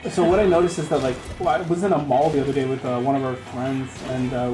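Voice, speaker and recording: A man's voice: mid-range voice, fairly even intonation, quick pace. A man in his twenties chatting casually on a game stream, joking, swearing and laughing a lot. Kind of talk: casual gaming stream chat. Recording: roomy room with game music. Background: game music.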